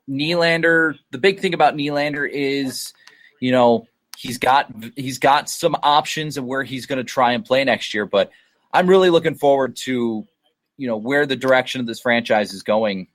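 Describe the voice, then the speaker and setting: A man's voice: mid-range voice, fairly bright tone. Casual man talking hockey prospects. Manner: hedging, filler-heavy analysis. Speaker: podcast co-host. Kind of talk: casual sports podcast chat.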